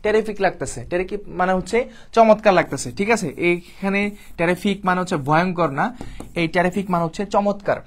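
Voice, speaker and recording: A man's voice: sits high, fast. A man with a Bangladeshi Bengali accent teaching an online exam-prep English lesson, repeating points and checking in with students often. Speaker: admission test English teacher.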